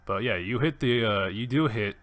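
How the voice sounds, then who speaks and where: Young male game master with a lowish voice, rambling and casual. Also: moderate pace, a bit bright. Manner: rambling, many fillers and restarts. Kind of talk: narrating a tabletop game.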